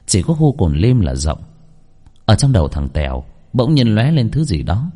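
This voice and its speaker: A man narrating a ghost story in an expressive storytelling manner. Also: on the low side, normal speed, slightly rough.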